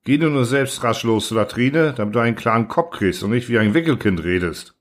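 A man's voice: mid-range voice, animated, brisk, close to an everyday voice. Man reading as a blunt, shrewd old soldier.

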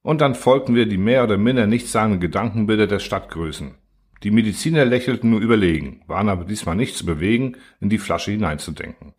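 Husky low-voiced male narrator. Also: fast talker. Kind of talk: audiobook narration of a literary story.

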